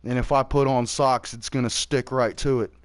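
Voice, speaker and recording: A man's voice: medium pitch, steady tone, moderate pace. A man in his early forties, chatting casually and rambling, with lots of swearing, while he plays a game. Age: 40s. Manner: rambling, profane, laid-back. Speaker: streamer. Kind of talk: casual chat while gaming.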